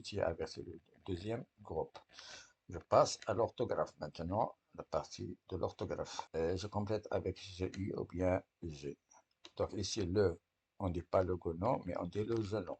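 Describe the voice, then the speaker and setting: A man's voice: deep voice, unhurried, a little mellow, slightly rough. A man teaching French to young pupils, patiently correcting a test step by step and answering his own questions; French is not his first language. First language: Arabic.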